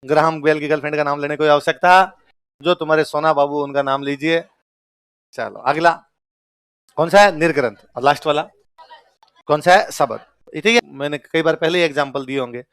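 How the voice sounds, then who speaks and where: A man's voice: fairly high pitch, a little fast, pauses often, smooth, no room sound, clean studio sound. A young man with a Rajasthani accent, giving a joking classroom lecture and quizzing his students. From Churu, Rajasthan. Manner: lively, jokey, asks the class questions. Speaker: teacher.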